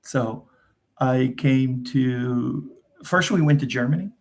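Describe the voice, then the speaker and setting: Hosting a casual live Q&A, this middle-aged man with a New Jersey accent and Portuguese as his first language talks in a gravelly, creaky voice. His pitch is mid-level for a man, slow and darkish. He rambles and chats with frequent fillers, circling back and restarting sentences.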